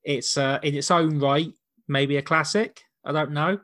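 A man with a fairly high voice hosts a casual watch-along. He talks in a loose, rambling way, circling back to rephrase his points. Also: steady tone, unhurried, a bit bright. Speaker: podcast host.

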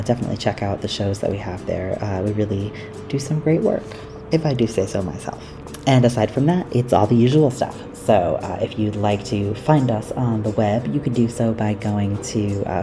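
A woman podcast host reading mid-roll announcements in a relaxed, chatty way full of ums, recorded at work away from her usual setup in lower-quality audio. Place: workplace, not the usual studio.

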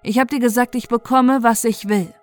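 A woman's voice: a little high, steady tone, moderate pace, no room sound, close to an everyday voice. A woman reading out the chat lines of a crude, threatening teenage boy, in a blunt, bullying way.

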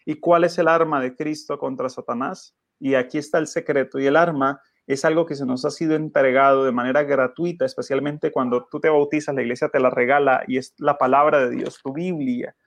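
A man's voice: medium pitch, steady tone, brisk, few pauses, no room sound. A man preaching earnestly, asking his listeners rhetorical questions. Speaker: pastor. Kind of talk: radio Bible study preaching.

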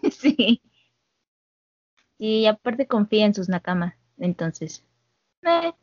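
A woman's voice: mid-range voice, very animated, takes it slowly, no echo. A woman hosting a casual anime recap chat, laughing often and acting out lines over an online call mic. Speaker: podcast host recapping an anime. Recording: slightly dull, dry call audio.

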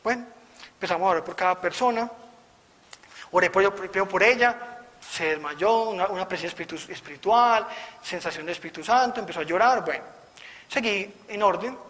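Bright, high-voiced preacher. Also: male voice, brisk. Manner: lively storyteller, acts out quoted voices. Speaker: preacher giving a testimony. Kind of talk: conversational religious testimony. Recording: long hall reverb.

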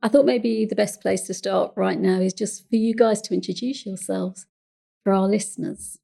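An English woman who hosts a podcast as a counsellor, speaking calmly and carefully. Her voice is dark and mellow, with a strong gravelly fry and a husky edge. Her delivery is measured and gentle. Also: mid-range voice.

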